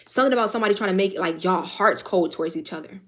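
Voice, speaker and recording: A woman's voice: mid-range voice, rapid-fire. A young adult woman giving a casual spiritual tarot reading, chatty and slangy, swearing freely and speaking straight to her viewers. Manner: chatty, slangy and profane, addresses viewers directly. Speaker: tarot reader.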